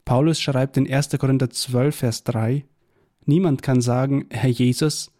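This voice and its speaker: A man with a warm, mellow voice reads a devotional Bible tract aloud. His delivery is measured and earnest, weaving in scripture quotations at a middle pitch. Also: fairly even intonation. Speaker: preacher reading a tract.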